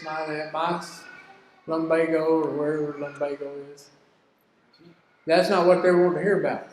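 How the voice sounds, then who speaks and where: An older man gives a homespun, earnest business lesson, full of stories and folksy turns of phrase. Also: a little high. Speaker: business teacher. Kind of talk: folksy teaching talk. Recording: echoey hall with long reverb.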